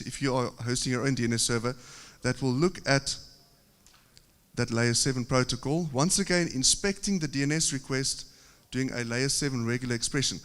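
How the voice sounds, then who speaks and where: Delivering a technical presentation in a big, echoing conference hall, a South African man with a matching accent speaks at medium pitch. He explains steadily from the podium, pausing on fillers now and then.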